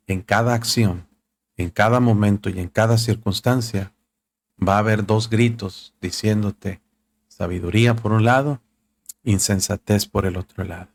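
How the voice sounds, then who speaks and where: Low, gravelly-voiced male pastor. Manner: conversational preaching with rhetorical questions and asides to the congregation. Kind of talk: sermon.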